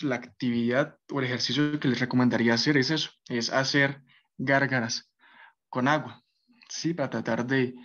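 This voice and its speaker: A man teaching a basic French class, explaining patiently and often checking that his students follow. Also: mid-range voice. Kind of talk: basic language lesson. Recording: dull lo-fi recording.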